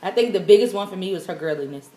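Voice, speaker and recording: A woman's voice: lowish voice, animated, rapid-fire, warm tone. A woman guest in a casual chat who speaks bluntly and says exactly what she means. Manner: blunt, straightforward. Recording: echoey room.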